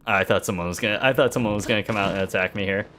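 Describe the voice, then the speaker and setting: Low-voiced thirties man streaming a game. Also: racing, a little hiss or hum. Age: 30s. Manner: relaxed, rambling, muttering to himself, laughing and swearing. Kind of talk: casual livestream chat while playing.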